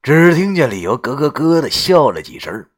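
A man narrating a story in an animated, wry way, with crude asides. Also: medium pitch, normal speed.

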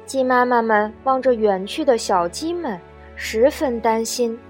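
Brief: woman narrating a children's tale, clear, slow, soft music behind. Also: fairly high pitch. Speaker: children's storyteller.

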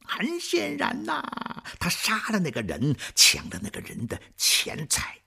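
Greedy swindler, voiced by a male reader, sly and wheedling, low husky voice, unhurried, storybook. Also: wildly swooping pitch, sharp tone, full character voice. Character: scheming, greedy middle-aged male swindler. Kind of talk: storybook reading.

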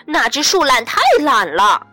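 A woman voicing a fast, proud cheetah who speaks in a scornful, clipped way in a children's story. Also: a little high, big pitch swings, bright, forceful tone, no echo, faint music behind, exaggerated voice.

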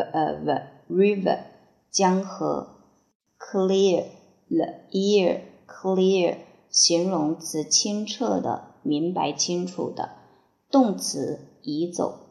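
Slow, gravelly woman reading vocabulary. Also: on the low side, mellow. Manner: spells words letter by letter and gives meanings. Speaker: English vocabulary teacher. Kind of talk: slow word-by-word dictation lesson. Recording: echoey room.

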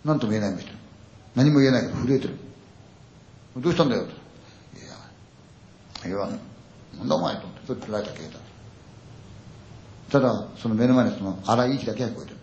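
Older male storyteller, rapid-fire, animated, acts out the voices of scared friends; roomy, muffled recording. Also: mid-range voice. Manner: acts out friends' panicked dialogue, sound words. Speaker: ghost story teller. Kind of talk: spoken ghost story performance. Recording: echoey dull audio.

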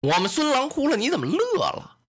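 A man's voice: very high voice, huge pitch swings, a little fast, fairly bright tone, breathy edge, pitched above the performer's own voice, full character voice. A man voicing a jumpy young soldier who blurts out startled exclamations. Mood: alarmed. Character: anxious young male soldier.

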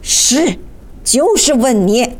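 A woman's voice: fairly high pitch, animated, slow pace, darkish tone, slightly rough, full character voice. A woman voicing a hot-tempered old male sorcerer who snaps and growls his questions in a children's storybook. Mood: angry.

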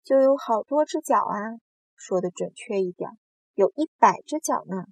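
In a storybook reading, a woman voices a boastful, cheeky male giant centipede who brags and teases loudly. Her voice is mid-range, gravelly and husky, animated, at a moderate pace, with no echo.

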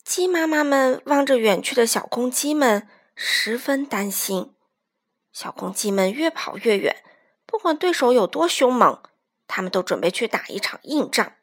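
A woman storyteller reading a children's story aloud in an animated, dramatic way. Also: fairly high pitch, moderate pace.

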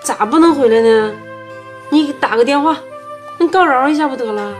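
一名女演员饰演一位苦口婆心劝人的大姐，操东北口音。. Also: female voice, sits high, brisk, music in the background, close to an everyday voice. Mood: coaxing. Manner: coaxing, lecturing. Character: motherly older-sister woman giving advice. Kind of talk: TV series acting.

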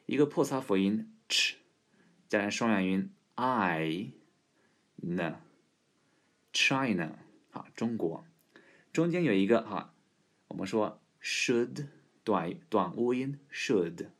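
A man with a fairly low voice leads a pronunciation lesson at an unhurried pace. He says each word slowly and repeats it so that listeners can copy him. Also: animated. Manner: demonstrates words slowly and repeats them. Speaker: English pronunciation teacher. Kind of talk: slow spoken language lesson.

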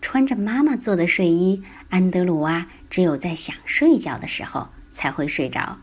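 A woman storyteller narrating a bedtime story, gently addressing small children. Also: on the low side, normal speed, breathy edge.

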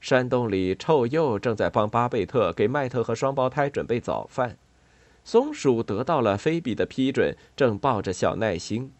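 A man narrating a children's storybook in a calm, even way. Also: mid-range voice, moderate pace, dry recording.

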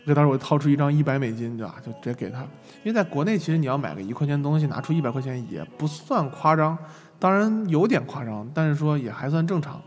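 A young man from China talks his class through a travel mishap at a brisk clip, his voice sitting a touch high. He mocks himself as he goes, and the recording rings with a long reverb over faint music. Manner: lively, self-mocking storytelling with laughs. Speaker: lecturer. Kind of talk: online lecture storytelling.

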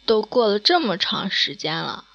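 A woman's voice: medium pitch, big pitch swings, moderate pace, vocal fry, fairly bright tone, muffled recording, exaggerated voice. A woman doing a caring, touchy schoolgirl. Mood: concerned. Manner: plain, slightly peeved. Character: caring but easily annoyed schoolgirl friend.

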